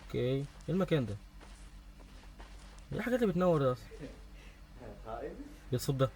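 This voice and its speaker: Rapid-fire Egyptian young man gaming. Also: mid-range voice. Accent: Egyptian Arabic. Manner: rapid, excitable chatter with nervous exclamations. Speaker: gaming YouTuber. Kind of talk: horror game let's-play commentary.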